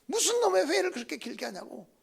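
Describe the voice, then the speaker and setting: A woman's voice: extremely high pitch, big pitch swings, fast talker, gravelly, exaggerated voice. A male pastor voicing his wife as a middle-aged woman, indignant on his behalf, in a sermon story.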